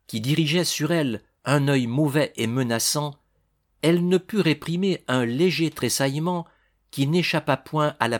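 A man narrating an audiobook in a measured literary reading. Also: mid-range voice.

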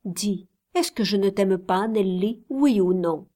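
Brief: slow, brooding elderly grandfather, read by a woman, storybook. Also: mid-range voice, warm tone. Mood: tender. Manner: pensive, murmuring. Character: brooding, doting old grandfather.

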